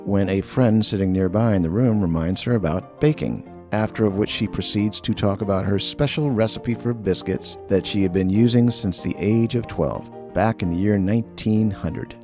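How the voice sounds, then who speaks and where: A man's voice: lowish voice, normal speed, few pauses, darkish tone. A man reading scripted narration as a narrator introducing archive material. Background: faint music.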